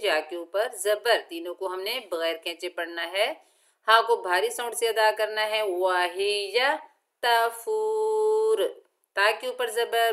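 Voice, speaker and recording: A woman teaching Quran recitation with tajweed, patiently explaining each letter and then chanting each word slowly and drawn out. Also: fairly low pitch, a bit bright. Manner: patient, methodical instruction. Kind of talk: slow step-by-step recitation lesson.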